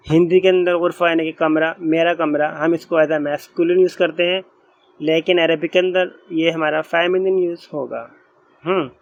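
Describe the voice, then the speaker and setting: A man with a slightly raised pitch teaches a grammar class. He repeats each point patiently, taking his time as he writes on a board. The recording sounds dull and lo-fi. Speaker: Arabic teacher.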